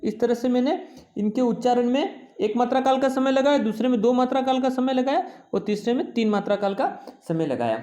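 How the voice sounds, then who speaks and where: A man teaching a Sanskrit lesson, explaining slowly and often checking with "है ना" and "ठीक है". He stretches out vowel sounds to show how long each is held. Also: extremely high pitch, expressive, warm tone. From India. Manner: slow and explanatory, repeating "है ना" and "ठीक है" to check understanding; draws out vowels to show their length. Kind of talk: classroom lesson.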